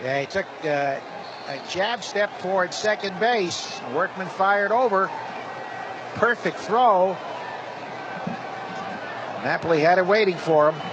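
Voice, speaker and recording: A man with a high voice calls a baseball game live on radio from a stadium broadcast booth, speaking slowly with long pauses. The highs are cut off, and a crowd plus loud ballpark ambience keep up a steady stadium noise behind him.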